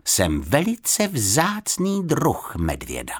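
A man voicing a small, polite young male bear with a high, clear little voice and a self-important manner, in an audiobook. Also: expressive. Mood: earnest.

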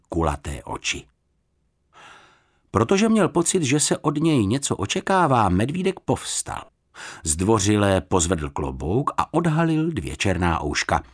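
Man reading an audiobook, lowish voice, really lively up and down delivery. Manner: expressive, animated reading. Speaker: audiobook narrator. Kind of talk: scripted audiobook narration.

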